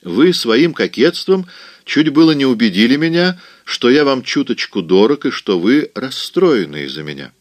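A man voicing a cold, worldly man in an audiobook, speaking in a cool, quiet, cutting way. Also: mid-range voice, sing-song, moderate pace, no room sound, voice pushed up, lightly acted.

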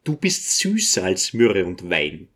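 A man's voice: sits low, wildly swooping pitch, slow pace, fairly bright tone, pitched below the performer's own voice, full character voice. A man voicing a brash, overbearing male suitor in an audiobook, talking insistently and crudely. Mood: wheedling. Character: pushy, brash middle-aged male suitor.

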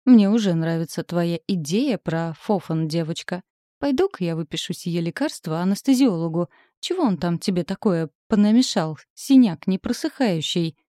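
A woman's voice: lowish voice, lively intonation, moderate pace, mellow, no room sound, clean studio sound, lightly acted. A woman voicing a blunt, sarcastic middle-aged female doctor in an audiobook.

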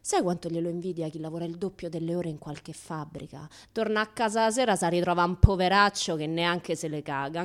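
An actress with a Roman Italian accent performs a colloquial radio theatre monologue as a defiant young woman who styles herself naive, shifting between hushed asides and louder outbursts. Her voice is lowish and lightly acted, with a provocative, sardonic mood.

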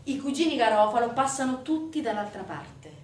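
A stage actress performs a dramatic theatrical monologue in a fairly high, expressive voice, speaking a little fast. Her narration is intense and emphatic, swelling and dropping. The roomy recording comes from a distant microphone with faint noise.

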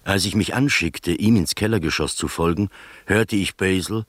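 A male actor with a deep voice plays an observant first-person storyteller, narrating a literary radio drama in a measured way. There is no room sound.

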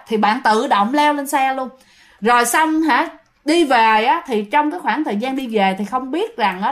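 High-voiced Southern Vietnamese woman telling a ghost story. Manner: chatty, addresses the listeners often.

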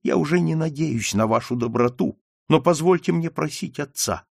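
A man reading an audiobook, voicing a desperate young daughter who pleads in high, tearful cries. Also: normal speed, gravelly, dry recording, studio quality. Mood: pleading.

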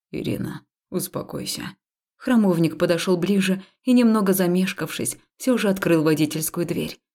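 A woman reading a first-person fantasy audiobook in a steady, measured storytelling way. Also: lowish voice. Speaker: audiobook narrator.

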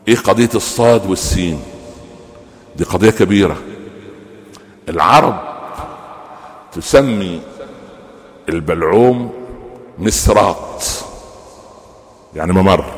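An older man with an Egyptian Arabic accent giving a religious lecture, animated, questioning his audience and drawing out words. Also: low-pitched, long reverb tail. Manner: animated, asks the audience questions and pauses for answers. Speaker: preacher.

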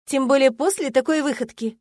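A shrill, spiteful old lady professor, as a woman reader puts her on in an audiobook, shrieking her scolding lines. The recording is close and dry, with no room sound at all. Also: fairly quick, a little mellow, no room sound, close to an everyday voice. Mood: outraged.

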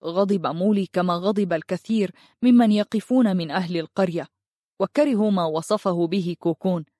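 A woman reading a first-person novel aloud in a steady, expressive storytelling manner. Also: fairly low pitch, a little fast, no room sound, studio quality. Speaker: narrator. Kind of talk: audiobook narration of a novel.

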